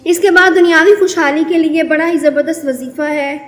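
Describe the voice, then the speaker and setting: A woman giving measured religious instruction, explaining devotional prayers and telling moral stories. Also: high-pitched, steady tone, faint music behind. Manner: measured, didactic, repeats prayer counts. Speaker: Islamic devotional speaker. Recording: long reverberant echo.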